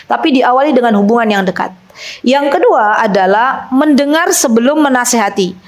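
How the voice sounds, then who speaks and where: A woman preacher with an East Javanese Indonesian accent tells a story to a room of mothers, gently acting out the voices of a child and a mother. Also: a little high, lively intonation, moderate pace. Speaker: Islamic preacher. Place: school hall talk.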